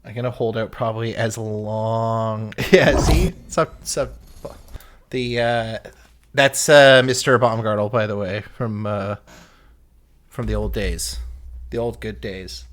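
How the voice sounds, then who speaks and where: A man's voice: on the low side, little pitch movement, unhurried, a bit bright. A young man streaming live, chatting loosely with viewers and friends and swearing casually.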